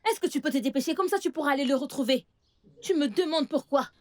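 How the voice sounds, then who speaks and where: An actress dubbing a sharp-tongued scheming aunt who scolds and coaxes her niece in a film. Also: fairly high pitch, lively intonation, normal speed. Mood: scolding. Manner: scolding and bossy, then falsely soothing. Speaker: aunt and guardian. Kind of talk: French dub of a film.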